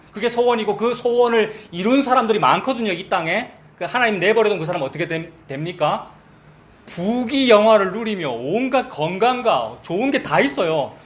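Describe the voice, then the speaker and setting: A man's voice: high-pitched, a bit bright. A middle-aged male pastor preaching a sermon in a conversational way, asking the congregation questions.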